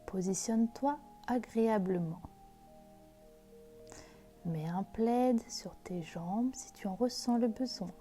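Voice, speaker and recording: A woman guiding a relaxation meditation in a soft, hushed, intimate voice, as if speaking right in your ear. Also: mid-range voice, slow, pauses often. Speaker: sophrology guide. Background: music.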